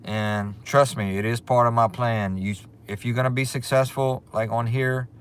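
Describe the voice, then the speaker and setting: Chatting on a casual livestream, this Cajun host from Louisiana reads and greets viewers' comments in a relaxed, talkative way. He has a smooth, mid-range man's voice at normal speed.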